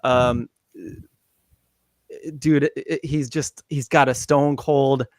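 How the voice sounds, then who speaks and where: A man co-hosting a casual soccer live stream, chatty and upbeat with quick asides. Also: medium pitch, steady tone, no echo, clean studio sound. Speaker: podcast co-host.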